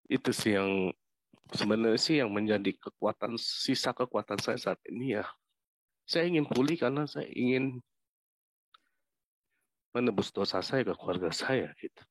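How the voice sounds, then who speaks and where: Young man, low-pitched, halting and earnest, close dry sound. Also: no echo. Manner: earnest, halting, emotional retelling. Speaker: covid patient giving testimony. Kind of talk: personal testimony interview. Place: covid quarantine hotel room.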